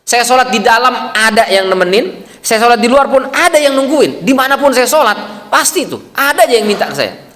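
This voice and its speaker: A man's voice: very high voice, lively intonation, a little fast, fairly bright tone. A man giving an after-dawn mosque sermon, telling anecdotes in a humorous, conversational way. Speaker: Islamic preacher. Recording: long mosque reverb.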